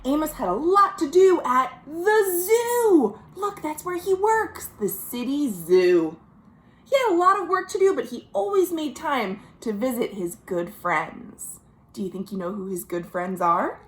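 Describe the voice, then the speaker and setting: This is an American woman with a high voice, a children's librarian reading stories aloud to little kids in a virtual storytime at home. Her slow, highly expressive delivery stretches words out, and she stops now and then for chatty asides and easy questions to her young audience.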